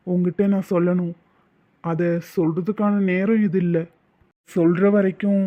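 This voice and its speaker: A man voicing a calm, secretive young village man in a cartoon, coaxing and low-key. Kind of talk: cartoon voice acting. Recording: muffled lo-fi audio with faint music.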